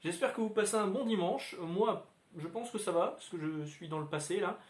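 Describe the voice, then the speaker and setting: A man's voice: high voice, moderate pace. Rambling man in an echoey room. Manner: rambling, many filler sounds. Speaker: comics video host. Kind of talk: casual chat about comics. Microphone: standalone microphone.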